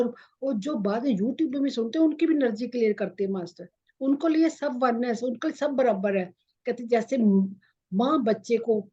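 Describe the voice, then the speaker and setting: A woman leads a spiritual talk for a meditation group in a mellow, slightly breathy voice. She speaks haltingly, repeats herself and fills the gaps with hesitation sounds. The recording is dull and lo-fi. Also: fairly high pitch. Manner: repetitive, halting, with many fillers. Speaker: meditation teacher.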